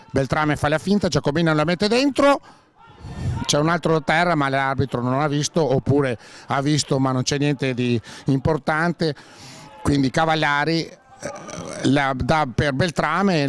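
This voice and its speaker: Hesitant football commentator. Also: male voice, medium pitch. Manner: hesitant with many fillers, rises sharply on chances. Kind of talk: live play-by-play commentary.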